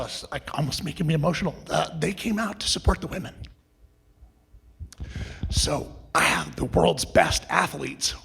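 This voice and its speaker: A middle-aged man, an entrepreneur guest, telling his business story at a live event in a lively, conversational way, often restarting and acting out quoted dialogue. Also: fairly high pitch, gravelly, slightly rough.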